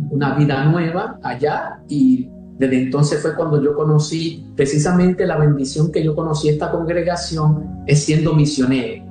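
Heavy reverb and rough audio mark this conversational interview with a Puerto Rican religious brother in his fifties. His voice sits on the high side with a dark tone. He is hesitant throughout, full of fillers and frequent restarts.

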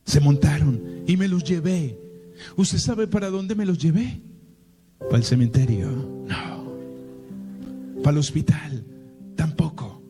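Through a slow, dramatic personal story full of rhetorical questions, a Colombian priest preaches in the paisa accent of Medellín. His male voice is a little high.

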